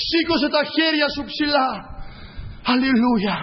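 A man preaching a sermon with fervent, repeating phrases and frequent hallelujahs, his voice hoarse. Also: extremely high pitch, long reverb tail, highs cut off, a little hiss or hum.

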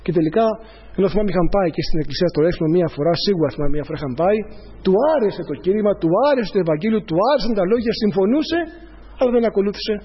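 A man preaching an earnest sermon to his congregation, speaking plainly and telling personal stories, with a husky voice. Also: high voice, lively intonation, muffled recording. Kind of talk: evangelical sermon.

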